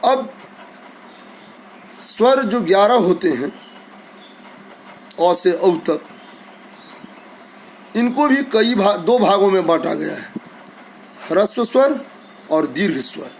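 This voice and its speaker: A man's voice: high voice, lively intonation, slow pace, long pauses, slight background noise, low-quality recording. A man teaching a lesson to school students, patiently reciting letters one by one and speaking to his pupils kindly. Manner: addresses pupils warmly, sends blessings.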